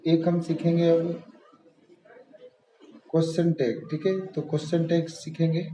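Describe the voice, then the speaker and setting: Male tutor, dark mellow tone, patient repetitive delivery, echoey slightly dull recording. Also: on the high side, a little hiss or hum. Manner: patient, repeats key terms, frequent "ठीक है" checks. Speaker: English grammar teacher. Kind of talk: step-by-step classroom explanation.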